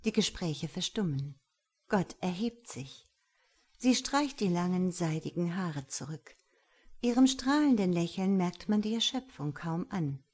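A woman narrating a story aloud in a calm, even reading voice. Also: on the low side, a little slow, breathy edge.

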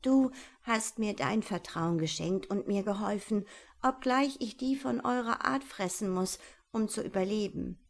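A woman's voice: medium pitch, measured pace. A woman reading a children's story aloud and voicing a female barn owl who begs for help and later offers it kindly. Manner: pleading, tearful, later gentle and solemn. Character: desperate, then grateful female barn owl.

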